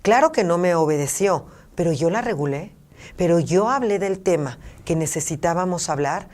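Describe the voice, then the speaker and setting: A woman's voice: lowish voice, animated, moderate pace, darkish tone. A middle-aged woman, a parenting therapist giving an emphatic talk full of rhetorical questions and lists.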